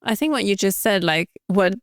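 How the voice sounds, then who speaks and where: A woman's voice: mid-range voice, animated, normal speed, no room sound, clean studio sound. A woman as a guest on a podcast, talking thoughtfully about leadership and often searching for her words. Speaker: podcast guest, HR and culture consultant. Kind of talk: conversational interview.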